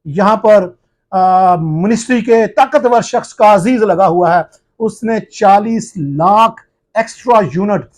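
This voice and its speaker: A male journalist from Pakistan, addressing viewers in a forceful, accusing, challenging tone. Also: sits high, slow.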